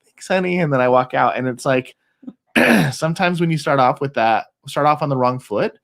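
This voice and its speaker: Male course co-host, mid pitch, casual, animated, does voices in his stories. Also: normal speed, creaky. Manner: animated, acts out quoted voices in anecdotes. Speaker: podcast host and marriage course teacher. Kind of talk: casual teaching talk.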